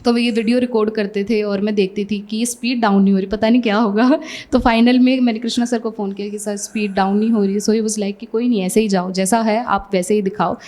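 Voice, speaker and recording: A young woman from Haryana, talking very fast in a casual interview and slipping English phrases in as she speaks. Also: mid-range voice, little pitch movement, warm tone. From Haryana, India. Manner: talks very fast; mixes English phrases into Hindi. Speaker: successful exam candidate being interviewed.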